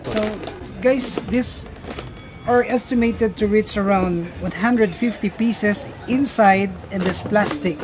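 This middle-aged man from the Philippines has a voice that sits high and speaks slowly, with music behind him. Walking through an outdoor fish farm in a casual vlog, he explains fish breeding to viewers, whom he calls "guys."

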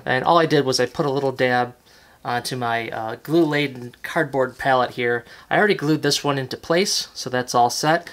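A man casually talking through a hands-on model-building tutorial at his workbench, relaxed and chatty with lots of fillers. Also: mid-range voice, normal speed. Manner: relaxed and chatty, many fillers, self-correcting. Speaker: model railroad hobbyist host. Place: workbench indoors, off camera.

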